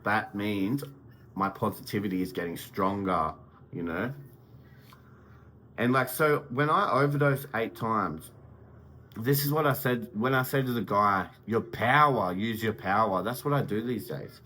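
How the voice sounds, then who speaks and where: A man's voice: fairly low pitch, a little slow, pushed and bright, slight background noise, rough recording. A young man giving an unscripted motivational monologue, swearing freely and turning heated and emphatic as he speaks. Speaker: motivational vlogger.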